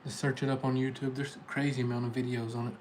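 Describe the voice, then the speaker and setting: A man's voice: mid-range voice, level tone, quick pace, darkish tone, a little hiss or hum. A man with a Tennessee accent chatting casually and informally to viewers as the host of a livestream. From Tennessee, United States. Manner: informal, talking directly to chat viewers. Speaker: livestream host, day trader.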